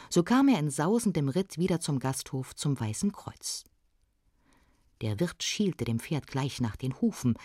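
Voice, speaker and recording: A woman reading a folk legend aloud in an expressive storytelling voice. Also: low-pitched, no room sound, studio quality. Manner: expressive, shifts voice for the characters.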